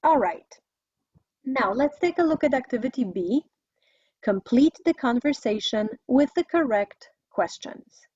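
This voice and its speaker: Here a Polish-accented woman in middle age leads English listen-and-repeat drills from a script, her enunciation careful and teacherly. Her high-pitched voice is animated, unhurried and a little mellow, with a breathy edge. No room sound, just a dry, slightly dull lo-fi recording.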